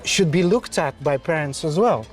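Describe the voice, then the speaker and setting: A man, interviewing a guest in a halting, pausing way. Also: a little high, animated. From Kazakhstan. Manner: halting, hesitant with frequent pauses. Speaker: interviewer and education agent. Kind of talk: conversational interview.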